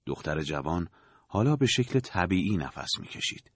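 A man narrating an audiobook in a measured, dramatic storytelling manner. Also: deep voice, sing-song, breathy edge, no echo.

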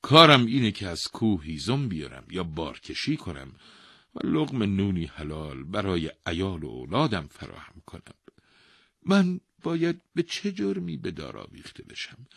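A man voicing a poor, frightened old woodcutter who pleads humbly in a husky voice. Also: low-pitched, big pitch swings, sharp tone, no room sound, clean studio sound, full character voice. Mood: pleading.

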